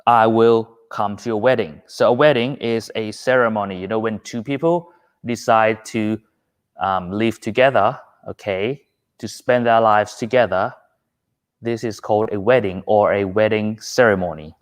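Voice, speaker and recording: A man with a Thai accent teaching English in a live-streamed quiz lesson, patient and unhurried as he reads out viewer comments. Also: lowish voice. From Thailand.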